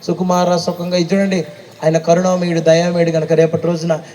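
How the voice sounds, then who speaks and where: A male preacher, delivering a revival sermon that mocks and scolds his congregation and rises to shouts. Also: a little high, level tone, brisk. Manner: teasing, mocking the congregation, rising to shouts. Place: outdoor revival meeting.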